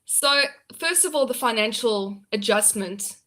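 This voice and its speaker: Candid bright-voiced British woman guest. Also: on the high side, expressive, a little slow. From United Kingdom. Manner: candid, warm-hearted storytelling with "um" fillers. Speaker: interview guest, former yacht crew. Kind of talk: casual interview. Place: at home by the sea.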